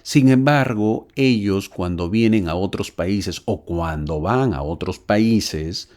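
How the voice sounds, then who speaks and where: A man's voice: sits low, slow pace, darkish tone. A man giving a Bible lesson, lecturing emphatically and asking and answering his own questions. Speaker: church Bible teacher. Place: living in Texas.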